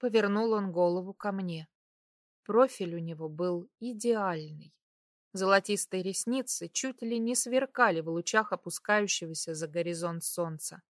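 A woman reading a first-person romance novel aloud in a measured, intimate storytelling manner. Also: fairly low pitch, dry recording, clean studio sound. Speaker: audiobook narrator. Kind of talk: first-person audiobook narration.

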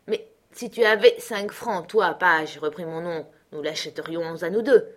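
Une lectrice qui prête sa voix à un oncle d'âge mûr, ironique, honnête et prompt à s'emporter. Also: female voice, fairly low pitch, moderate pace, a bit bright, natural voice. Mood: ironic. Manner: exclaiming, ironic. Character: excitable, principled middle-aged uncle, a man.

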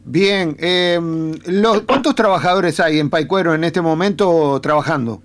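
A man hosting a radio interview, asking measured questions and giving short acknowledgments. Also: fairly high pitch. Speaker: radio host.

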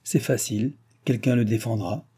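A man's voice: mid-range voice, fairly even intonation, normal speed, warm tone, husky, natural voice. A man voicing a French royal favourite, a countess who talks in an imperious, defiant way. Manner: haughty and emphatic.

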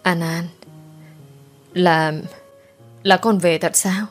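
A woman's voice: lowish voice, fairly even intonation, very slow, faint music behind. A woman voicing an older rural father who speaks hesitantly, his voice choked with emotion, in a storybook reading.

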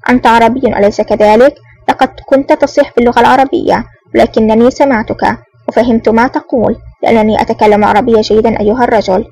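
A woman reading an elegant, smug and menacing man with a smooth, sly manner in an audiobook. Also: on the high side, fairly even intonation, quick pace, a little mellow, poor audio. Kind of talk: audiobook narration.

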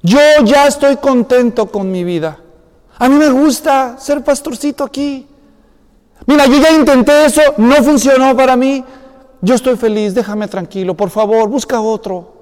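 A man's voice: very high voice, normal speed, a little mellow, in a large hall, voice pushed up. A man acting out Moses as a reluctant adult man, whining and pleading with God to send someone else. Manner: whiny, pleading, repeating himself.

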